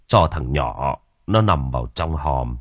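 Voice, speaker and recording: A weary grieving father in an audiobook story, as a male narrator plays him. His voice sits very low and a little husky, slow and halting. Close, dry recording. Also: animated, no echo, exaggerated voice. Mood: subdued. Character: grieving middle-aged father, weary and polite.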